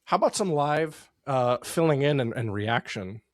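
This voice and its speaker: A man's voice: mid-range voice, animated, moderate pace, no room sound, studio quality. An American man co-hosting a casual podcast, rambling and correcting himself as he talks. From United States. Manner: rambling, self-correcting, chuckles often. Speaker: podcast co-host. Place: home setup in the San Francisco Bay Area.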